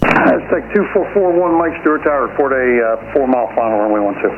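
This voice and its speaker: A man's voice: mid-range voice, animated, brisk, phone-quality sound. A man working as a tower controller, speaking in air traffic control phrases over aviation radio. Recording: thin, noisy aviation radio transmission.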